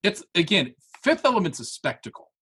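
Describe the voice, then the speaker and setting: Husky, higher-pitched man arguing. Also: a little fast. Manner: argumentative, animated. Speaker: podcast co-host. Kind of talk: casual chat.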